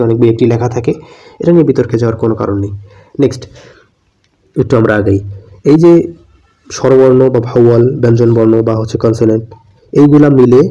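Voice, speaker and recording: A man's voice: medium pitch, mellow, dull audio. A man teaching an English grammar lesson step by step, asking and answering his own questions and mixing in English terms.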